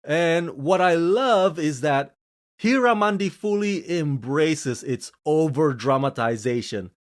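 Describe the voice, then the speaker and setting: On his own channel, a film reviewer from Indonesia reads a scripted series review, gushing and emphatic, his pitch and pace shifting often. He is expressive and takes it slowly.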